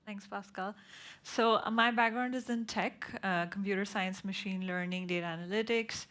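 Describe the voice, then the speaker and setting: A woman raised in India, giving a brisk, matter-of-fact introduction of her tech career on a conference panel. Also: medium pitch, steady tone, fairly bright tone. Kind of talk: panel discussion.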